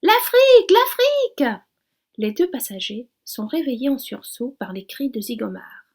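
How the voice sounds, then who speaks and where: Give me a woman reading a children's story with a lively, slightly high voice. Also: moderate pace, gravelly, husky. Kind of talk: reading a children's picture book aloud.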